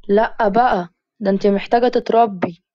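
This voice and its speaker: A woman's voice: mid-range voice, fairly even intonation, fairly quick, dry recording, dull audio, lightly acted. A woman with an Egyptian accent voicing a rude young street harasser with a mocking, taunting manner.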